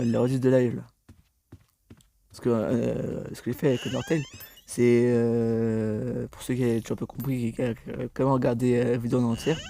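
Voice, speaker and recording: A man's voice: medium pitch, vocal fry, mellow, a little hiss or hum. A tired young man commentating his gameplay casually, rambling, stammering and swearing as he plays. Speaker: gaming YouTuber.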